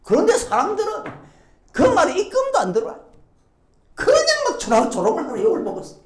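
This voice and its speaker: Animated woman preaching in an echoey church. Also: sits high, fairly quick. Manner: animated storytelling, acting out quoted voices. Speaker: pastor. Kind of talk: sermon. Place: church sanctuary.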